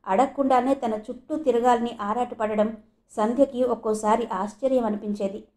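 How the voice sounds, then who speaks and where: A woman from Andhra Pradesh reading a novel aloud as audiobook narrator, with a steady storytelling delivery. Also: on the high side. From Andhra Pradesh, India.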